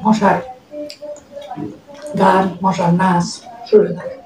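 A woman's voice: mid-range voice, flat delivery, slow. Woman chatting while chewing. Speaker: eating vlogger. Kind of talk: casual eating vlog chat. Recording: roomy, from a distance, faint noise.

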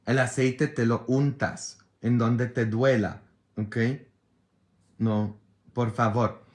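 A man's voice: medium pitch, little pitch movement, slow pace. A man, a priest with a sore throat, chatting casually and jokingly with his followers, sometimes exasperated. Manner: joking, exasperated, mixes jokes with advice.

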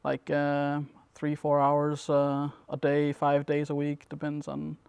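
A young man from Denmark, a competitive gamer, answering interview questions in a relaxed, rambling way with plenty of fillers. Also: on the high side, takes it slowly, creaky, smooth, no room sound. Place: dim indoor room at a gaming event.

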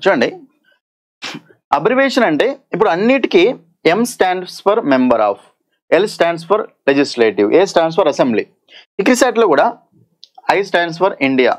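Lively man teaching exam English. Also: fairly high pitch. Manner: explains in Telugu mixed with English terms, often asks "okay?"; reads English question text slowly and deliberately. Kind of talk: exam-prep lesson.

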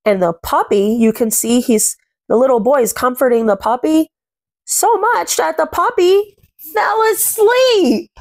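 This young woman hosts a children's read-aloud from a small indoor room at home, bringing a picture book to life with sing-song expression and chatty asides. She has a high voice and a slightly slow pace, and the sound is clean studio audio with no room sound.

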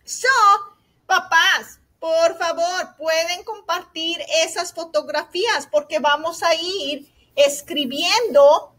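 A woman teacher giving a remote lesson to young children, slow, sweet and encouraging, asking "ok?" often and mixing in English words. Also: very high-pitched, a bit bright. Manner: mixes in English words like "so" and "all right".

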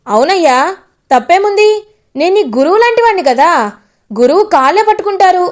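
A woman's voice: very high voice, expressive, brisk, voice pushed up. A woman voicing an arrogant, mocking older male boss in a retold serial. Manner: mocking, bossy.

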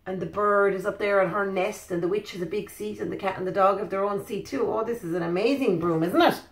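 Speaking fast in a mid-range voice, this Irish preschool storyteller in her thirties brings a children's story to life, tossing simple questions to her young audience. The echoey living room recording comes from a phone or webcam roughly an arm's length off.

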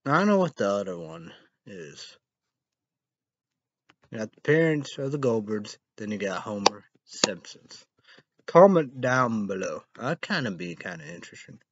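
Very animated, with a voice on the low side, a man in his thirties reads weather and news headlines on a rambling solo online show. His delivery is halting, with spelled-out words, repeated phrases and sudden loud exclamations. He's in a small, dim room, and the webcam or laptop mic at arm's length gives dull, lo-fi sound.

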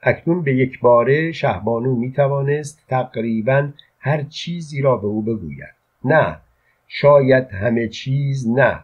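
A man narrating a literary audiobook in a measured, unhurried way, with a husky voice. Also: medium pitch, muffled recording.

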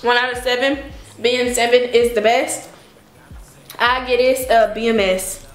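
A woman's voice: on the high side, steady tone, unhurried, echoey room, faint music behind. A young Texan woman vlogging in her kitchen, chatty and casual, swearing freely and saying y'all. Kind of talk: casual vlog chat. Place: home kitchen.

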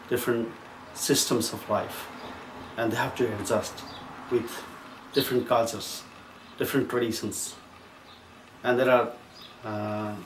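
Man from Nepal, fifties, measured and hesitant, roomy echo, faint hiss. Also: medium pitch. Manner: measured, with frequent hesitations and fillers. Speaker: writer. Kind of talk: interview answers. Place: plain indoor room. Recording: echoey room with faint noise.

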